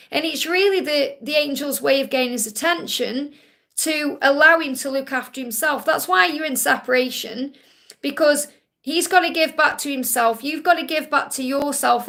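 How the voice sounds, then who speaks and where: A woman's voice: high voice, creaky, pushed and bright. A woman from Stoke with a Stoke accent, giving live spiritual readings to viewers in a reassuring way and often checking in with a short tag question. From Stoke, England. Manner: reassuring, repeatedly checking with "okay?". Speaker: psychic card reader hosting a live Q&A.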